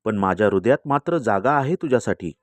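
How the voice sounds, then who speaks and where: A man voicing a gentle old beggar mother. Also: fairly low pitch, animated, a little fast, dry recording, close to an everyday voice. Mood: tender.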